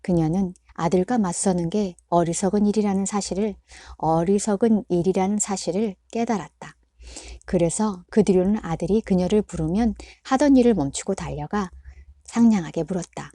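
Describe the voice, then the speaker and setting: Woman, audiobook narration, warm dark tone, dry close mic, calm. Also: medium pitch, no echo. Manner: calm, measured reading. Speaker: book reader.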